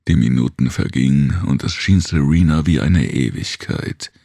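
A man reading a science fiction audiobook in measured scripted narration. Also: extremely low pitch, gravelly, mellow, no room sound, studio quality. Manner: measured storytelling.

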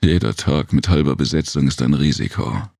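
A man with a very deep voice playing a tired, gruff alien man with big ears in a storybook reading, talking in a weary, curt way. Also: expressive, moderate pace, a little mellow, dry recording, clean studio sound, exaggerated voice.

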